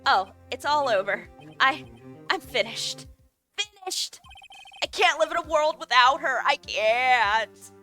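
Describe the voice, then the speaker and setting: A woman voicing a melodramatic, heartbroken young man who sobs and shouts in despair. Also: high-pitched, expressive, slow pace, soft background music, full character voice. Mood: despairing wail. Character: wailing heartbroken young male friend.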